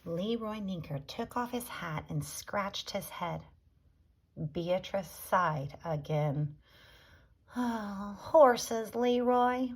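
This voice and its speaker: A woman, a teacher, reading a chapter book aloud in a gentle, deliberate storytelling manner. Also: lowish voice, slightly rough.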